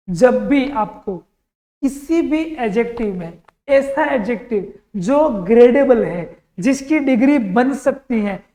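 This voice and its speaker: A man with a high voice teaches a grammar lesson for exam preparation, repeatedly asking the class questions and answering them himself. His voice rings with long reverb, as though in a hall.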